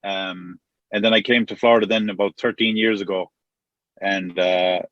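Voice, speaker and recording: A man's voice: fairly low pitch, steady tone, moderate pace, dry recording, lo-fi sound. A man from Connemara with a west of Ireland accent, chatting casually and easily as an interview guest. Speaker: podcast guest. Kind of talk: casual chat. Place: inside a car.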